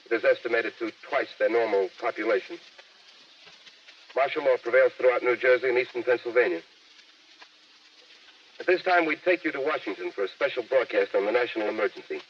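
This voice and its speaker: An actor playing a grave male studio announcer reading urgent news bulletins in a 1930s radio drama, heard through an old AM radio broadcast. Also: medium pitch. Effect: old AM radio broadcast sound. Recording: distant, muffled 1938 radio broadcast with hiss.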